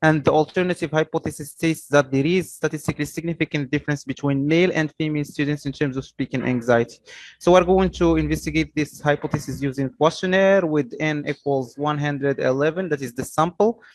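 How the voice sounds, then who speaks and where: A young man giving an academic presentation as a student, in a hesitant, halting manner with repeated words. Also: fairly high pitch, dry recording.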